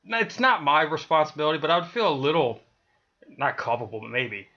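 A man's voice: a little high, big pitch swings, fairly quick, pushed and bright, muffled recording. A man co-hosting a podcast, chatting casually, laughing often and swearing freely. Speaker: podcast co-host. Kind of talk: casual chat.

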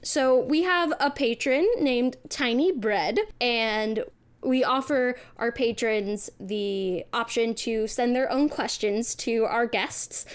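A woman's voice: a little high, slow, clean tone. A woman hosting a podcast, musing aloud with "um" and "like" as she reads out listener questions. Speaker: podcast host. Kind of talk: casual interview chat.

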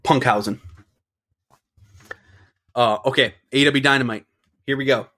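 Male podcast co-host, mid pitch, relaxed recap delivery with casual swearing. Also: fast. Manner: reads results with offhand swearing.

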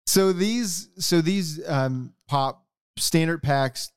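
A man's voice: fairly high pitch, very slow, smooth, no echo, studio quality. A man hosting a collectors' podcast, joking and rambling in a casual chat. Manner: jokey, rambling, self-mocking. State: tired from no sleep. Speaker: podcast host.

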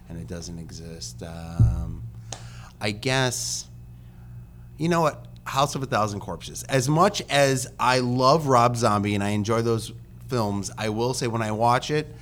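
A man's voice: fairly low pitch, a bit bright, slight background noise. A man co-hosting a podcast in casual chat, easygoing and a little hesitant. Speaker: podcast co-host.

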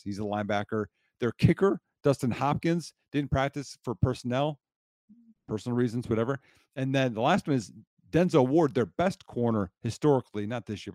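A man co-hosting a sports podcast, rattling off a long injury list in a steady, mid-pitched voice. He sounds winded and breathless. The recording is dry and close, with no room echo. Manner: rapid-fire listing of injury news. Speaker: podcast co-host. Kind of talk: casual sports podcast chat.

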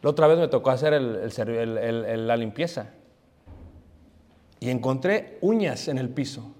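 A man's voice: medium pitch, lively intonation, normal speed, darkish tone, in a large hall. A male pastor preaching a sermon, scolding his congregation and asking them questions he answers himself. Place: church hall.

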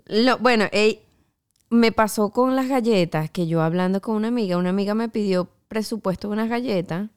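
A woman with a Venezuelan accent telling a story in relaxed casual chat, quoting the people involved. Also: medium pitch, brisk, smooth. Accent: Venezuelan Spanish. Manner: relaxed, chatty, quotes others in conversation. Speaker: co-host.

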